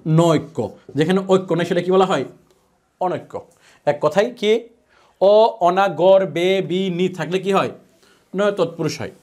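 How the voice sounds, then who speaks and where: Guy with a high voice teaching grammar, asks himself questions and answers them. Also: normal speed, pauses often, darkish tone. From Bangladesh. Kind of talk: classroom lecture.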